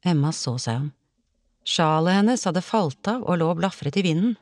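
A woman narrating a novel in an expressive, dramatic audiobook reading. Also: lowish voice, no echo, clean studio sound.

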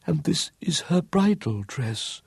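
Male reader as high, husky, slow storybook doves, gravelly and sentimental. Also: very animated, no room sound, studio quality, heavily acted. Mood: dreamy. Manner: whispery, sentimental. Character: romantic cooing turtle doves.

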